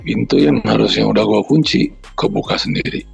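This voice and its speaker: Soft music sits in the background as a man with a fairly low, slightly mellow, husky and gravelly voice talks a little fast. He's co-hosting a podcast: first slangy banter, then a steady reading of a listener's horror story with the sounds acted out.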